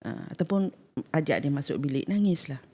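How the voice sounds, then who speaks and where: Malaysian mum-type expert, lowish voice, chats about parenting, slips into english a lot. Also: female voice, animated, a little fast, dark tone, slightly rough. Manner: code-switches into English, acts out parent-child dialogue. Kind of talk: casual podcast advice.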